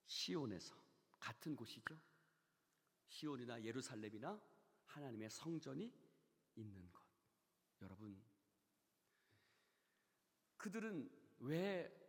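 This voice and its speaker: A man preaching a sermon as pastor. He swings from hushed near-whispers to loud, shouted peaks, and he keeps asking the congregation questions and having them repeat phrases after him. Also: medium pitch, breathy edge, in a large hall. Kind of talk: Wednesday service sermon. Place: church sanctuary.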